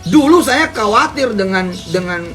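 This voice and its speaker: A middle-aged preacher with a nasal voice talks to his audience in a loose, joking way and keeps asking them questions. His voice sits fairly high for a man. Faint music plays underneath. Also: normal speed. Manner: lively, jokey, asks the audience questions. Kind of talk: casual Islamic teaching talk.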